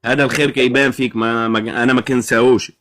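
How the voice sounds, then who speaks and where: A man's voice: medium pitch, fairly even intonation, very fast, a bit bright, slight background noise. A man from Syria with a Syrian accent, a guest on a live stream, talking earnestly and swearing by God. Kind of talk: casual chat.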